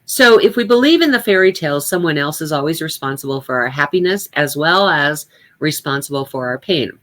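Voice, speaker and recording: An older woman with a deep voice gives a reflective personal talk. She speaks candidly and conversationally, putting emphasis on her points.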